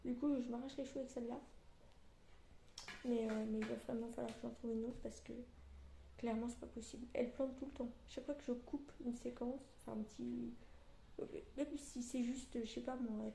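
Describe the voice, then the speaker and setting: Lisping woman with a dark, mellow voice. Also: fairly high pitch, steady tone, a little fast, gravelly. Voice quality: lisp on s sounds from orthodontic elastics. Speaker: vlogger. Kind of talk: casual rambling vlog chat to viewers. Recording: roomy echo, faint background noise.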